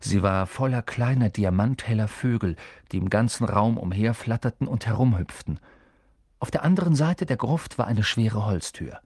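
Husky, expressive male audiobook narrator. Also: lowish voice, normal speed, no room sound, clean studio sound. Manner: expressive, dramatic storytelling.

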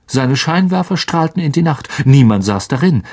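Male audiobook narrator, very breathy husky voice, suspenseful hushed reading. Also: on the high side, animated, moderate pace. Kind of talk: scripted fantasy narration.

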